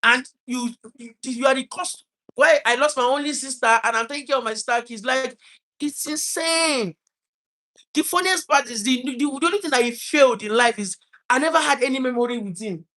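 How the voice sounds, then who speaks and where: A man with a Nigerian accent tells a painful personal story in an earnest, halting way. He often repeats and restarts his words while trying to hold back tears. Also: very high voice, sharp tone. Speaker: vlogger telling a personal story.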